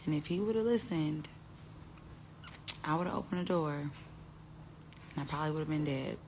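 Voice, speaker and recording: Live streaming from her home, a young woman holds her phone close in selfie mode and talks loosely, drifting and trailing off. She has a low, darkish voice at a normal pace, and there is slight background noise.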